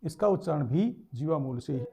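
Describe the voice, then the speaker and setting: Slow-explaining male teacher, mellow voice. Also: a little high, animated, breathy edge. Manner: explains slowly, repeating terms and sounding out letters. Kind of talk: classroom lesson explanation.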